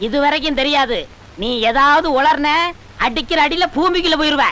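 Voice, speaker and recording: A man's voice: extremely high pitch, normal speed, bright, forceful tone. An actor playing a sly ex-convict man who plots to replace his master and talks in a boastful, conspiratorial way in a film comedy. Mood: scheming.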